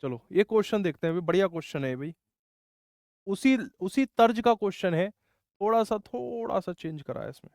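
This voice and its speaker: High-voiced maths teacher. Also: male voice, lively intonation, normal speed, a little mellow, no room sound, clean studio sound. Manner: scolding, explains step by step, says bhai often. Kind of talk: online class lecture.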